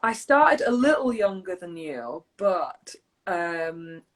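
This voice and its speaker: A vocal coach hosts a podcast interview, chatting in a friendly, agreeable way and laughing often. Her voice is lowish and very animated, and she takes her time speaking.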